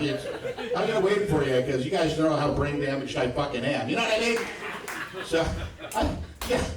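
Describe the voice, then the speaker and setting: Crude, rambling stand-up comic in his fifties. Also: on the high side. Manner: crude, rambling, with frequent asides to the audience. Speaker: stand-up comedian. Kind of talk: live stand-up set. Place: comedy club stage. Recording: roomy, distant club recording.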